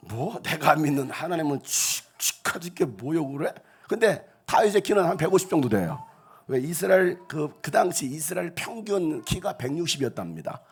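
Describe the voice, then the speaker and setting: Animated, husky-voiced Korean pastor preaching. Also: male voice, sits high. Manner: animated, acts out gruff street-talk voices, jokes with the congregation. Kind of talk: lively sermon with acted quotes. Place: church sanctuary.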